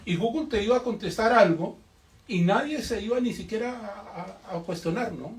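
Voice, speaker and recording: A high-voiced Colombian man speaks expressively at normal speed from the audience of a bookshop event, telling a story emphatically and asking rhetorical questions in a spontaneous public comment. A distant room mic picks him up amid echo and faint noise.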